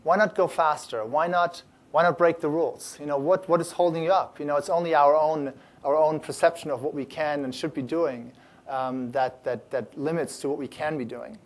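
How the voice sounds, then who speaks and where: Speaking at a moderate pace in a voice a little on the high side, a startup accelerator founder gives a talk at a conference. The delivery is animated and upbeat, though loose, with frequent fillers and restarts.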